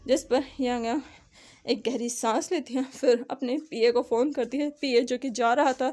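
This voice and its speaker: A woman's voice: on the high side, fairly even intonation, normal speed, a little mellow. A woman narrating a story retelling in a conversational way, sometimes correcting herself.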